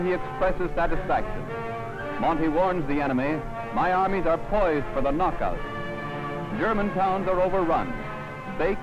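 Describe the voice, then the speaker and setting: A man narrating a 1940s wartime newsreel in a brisk, upbeat announcer style with punning quips, heard as an old newsreel recording. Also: fairly high pitch. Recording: dull lo-fi film soundtrack with loud music.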